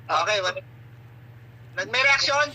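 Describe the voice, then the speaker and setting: A man's voice: high-pitched, animated, unhurried, sharp tone, slight background noise, poor audio. A Filipino man working as a faith healer in an exorcism session, brusque and taunting.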